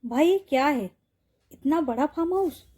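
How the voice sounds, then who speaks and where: A woman voicing a young woman friend who talks casually and exclaims, in a mellow voice. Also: sits high, expressive, moderate pace.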